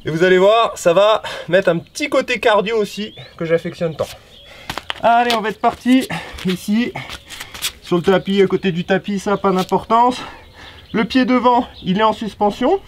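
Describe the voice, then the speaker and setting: A man runs a guided workout as a fitness coach, his voice sitting noticeably high for a man. He keeps things upbeat and chatty, counting reps aloud and tossing in casual remarks between sets. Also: normal speed, slight background noise. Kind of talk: guided home workout instruction.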